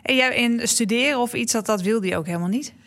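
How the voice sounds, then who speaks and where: Woman interviewer, casual, brief prompts, slightly higher voice. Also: fast talker, fairly bright tone. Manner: short prompts and agreeing responses.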